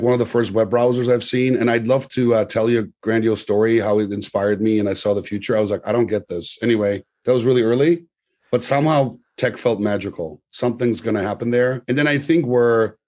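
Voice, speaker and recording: A tech company CEO in his forties, born in Poland and raised in Germany, appears as a guest on a podcast interview. He speaks loosely and conversationally, restarting often, in a mid-range, slightly mellow voice.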